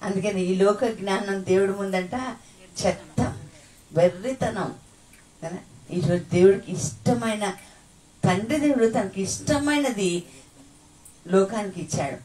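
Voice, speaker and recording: A woman's voice: mid-range voice, measured pace, pauses often, darkish tone, far from the mic, poor audio. A woman preaching a sermon, exhorting the congregation with call-and-response hallelujahs and then leading them in prayer.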